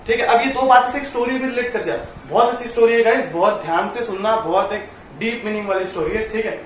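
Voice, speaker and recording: A man's voice: sits high, a little hiss or hum. A man giving a casual spoken lesson in a chatty way, often checking in with the listener and mixing English phrases into his talk. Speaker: teacher. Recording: echoey room, voice far from mic.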